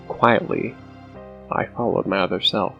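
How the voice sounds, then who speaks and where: Man, horror story narrator, low haunting delivery, gravelly fry, scripted reading, music underneath. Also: fairly even intonation, unhurried, lo-fi sound.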